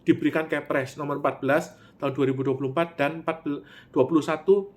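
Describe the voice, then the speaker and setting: Man, slightly high voice, animated monologue with sharp swings in volume. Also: quick pace. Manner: animated storytelling, with sudden loud pitch jumps and drops to near-mutter; Javanese words mixed in.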